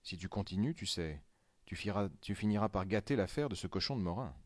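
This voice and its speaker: A man reading a story aloud, voicing a blunt, irritable male friend in a slightly raised, louder voice. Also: lowish voice, animated, fairly quick, no room sound, natural voice. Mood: sulky. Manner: grumbling, exasperated.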